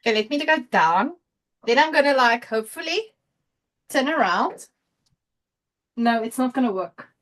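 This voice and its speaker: South African woman, higher register, informal and talkative livestream host who thinks aloud. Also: animated, moderate pace, long pauses, fairly bright tone. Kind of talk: casual live chat, reading out viewer comments.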